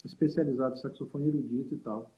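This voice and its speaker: Over tinny video-call audio, a guest from Salvador, Brazil, who plays saxophone and teaches, rambles through stories in a reflective, filler-heavy way. His mid-range voice holds a steady tone while he talks quickly, in the manner of a relaxed interview.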